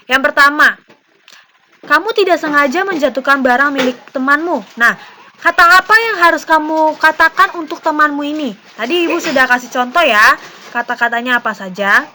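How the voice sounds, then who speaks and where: A woman's voice: sits high, normal speed, bright, forceful tone, slight background noise. A young woman teacher with an Indonesian accent, patiently explaining a lesson to young children and acting out short example dialogues.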